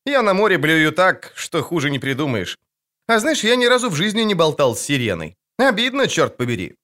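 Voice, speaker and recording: A man's voice: fairly high pitch, very animated, brisk, bright, forceful tone, voice pushed up. Dandelion, a man voicing a chatty bard. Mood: rueful. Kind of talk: audiobook character voice.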